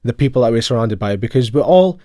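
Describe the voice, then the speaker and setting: A man's voice: mid-range voice, animated, fast, mellow, no room sound. Young man hosting, dry close sound. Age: young adult. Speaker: podcast host, music student. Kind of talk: casual interview chat.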